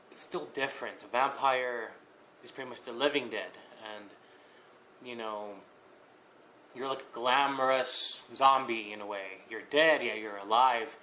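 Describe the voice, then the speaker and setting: Slow, hesitant young man answering questions. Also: medium pitch, sharp tone. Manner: hesitant, many fillers and pauses, laughs often. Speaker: video host answering viewer questions. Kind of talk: casual Q&A vlog.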